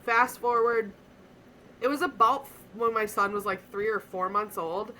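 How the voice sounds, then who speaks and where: A young adult woman on a podcast, earnestly telling a personal story in a casual, animated way with frequent fillers. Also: a little high, measured pace, a little hiss or hum, poor audio. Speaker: podcast co-host.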